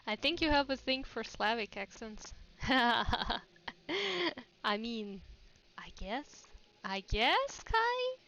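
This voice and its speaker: A woman's voice: a little high, big pitch swings, slow, pushed and bright, dull audio. A woman with a Russian accent, chatting casually and rambling on a game livestream. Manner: chatty and rambling, laughs often. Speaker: VTuber streamer.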